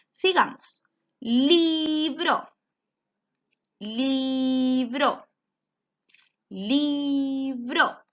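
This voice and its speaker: A woman's voice: sits high, a bit bright. A woman teaching a children's phonics lesson, drawing out each word and praising often. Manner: slow, drawn-out words for children, encouraging praise. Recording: dull lo-fi sound.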